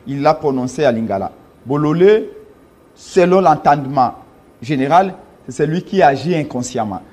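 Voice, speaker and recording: Man from Congo, party official, slightly high voice, emphatic, argumentative interview guest. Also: lively intonation, normal speed, darkish tone. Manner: emphatic, argumentative, rising in force when insisting. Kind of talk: political interview.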